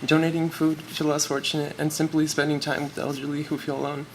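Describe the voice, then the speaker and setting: Gravelly teen boy, nervous and tearful. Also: a little high, level tone, fast talker. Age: teens. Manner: nervous, reading from notes. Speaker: student award recipient. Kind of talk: prepared acceptance speech. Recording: noisy live event recording.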